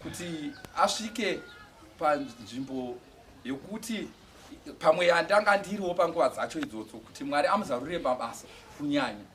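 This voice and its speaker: A man giving a church testimony, speaking haltingly and with feeling, often restarting words. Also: on the high side, lively intonation, fairly bright tone. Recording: distant mic with faint outdoor noise.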